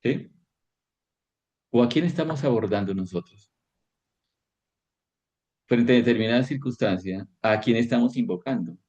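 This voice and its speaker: Slow-questioning male preacher, dark lo-fi voice. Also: mid-range voice. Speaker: pastor. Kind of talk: devotional Bible teaching.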